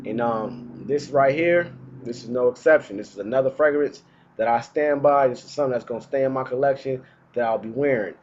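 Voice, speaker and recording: Still recovering from a cold, this thirtysomething man chats casually through a fragrance review vlog from a small room indoors, using plenty of slang. He speaks briskly in a mid-range voice. The highs are cut off, and there's slight background noise.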